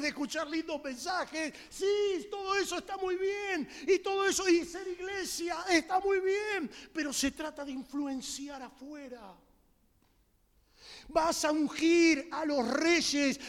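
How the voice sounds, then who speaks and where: Male preacher, very high voice, fiery delivery with shouted peaks, long hall echo. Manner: impassioned, bursts into shouted emphasis; tells humorous stories to the congregation. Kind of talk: sermon.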